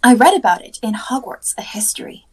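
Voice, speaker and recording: A bookish, eager young girl, as a woman reader puts her on, whispering quickly in a raised, bright pitch. Her tone jumps about with excitement. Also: husky, full character voice.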